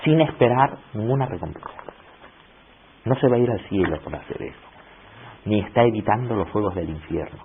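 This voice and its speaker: A man lecturing a class in a reflective way, with emphatic rising bursts and rhetorical questions to his listeners. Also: on the low side. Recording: tinny lo-fi recording with faint hiss.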